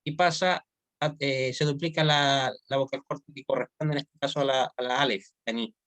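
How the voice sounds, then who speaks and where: A man's voice: mid-range voice, fairly even intonation, normal speed, a bit bright, no room sound. A man teaching an online Hebrew grammar class, explaining step by step and often checking that students follow.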